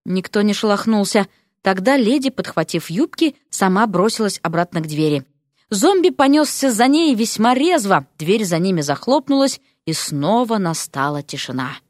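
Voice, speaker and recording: Animated woman narrating a story. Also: mid-range voice, moderate pace, no echo, studio quality. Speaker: audiobook narrator. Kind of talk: expressive audiobook narration.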